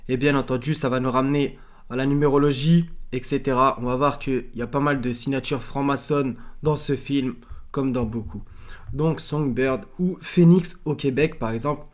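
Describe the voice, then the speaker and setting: A man, talking casually and unscripted, halting and restarting often and checking in with the listener. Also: medium pitch, fairly even intonation. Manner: many fillers and restarts, often asks "d'accord?". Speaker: video commentator. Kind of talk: casual analysis talk.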